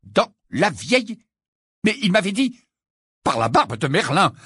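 A man voicing a kindly, excitable middle-aged wizard who stammers and hurries. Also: high voice, a little slow, husky, no room sound, studio quality, voice pushed up, full character voice. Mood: flustered.

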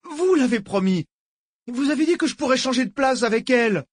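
A man putting on a shrill, whiny coward. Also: expressive, a little fast, no echo, studio quality. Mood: pleading. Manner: shrill, begging, near shouting. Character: panicking cowardly man, whiny like a spoiled child.

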